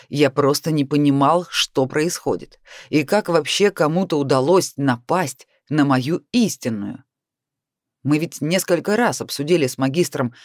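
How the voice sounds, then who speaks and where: A man narrating an audiobook in an even, steady reading voice. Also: medium pitch, no room sound, clean studio sound. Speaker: audiobook reader.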